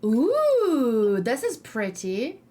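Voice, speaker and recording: A woman gaming streamer and host thinks aloud in casual chat, often muttering to herself, her fairly high voice swooping wildly and moving extremely slowly with a slightly mellow quality. The recording is noisy, with keyboard typing and mouse clicks in the background.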